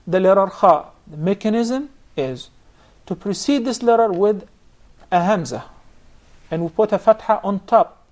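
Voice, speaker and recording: A man's voice: high voice, expressive, a little slow, a little mellow. A man teaching a Quran recitation class, explaining points patiently and quizzing his students. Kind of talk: classroom instruction.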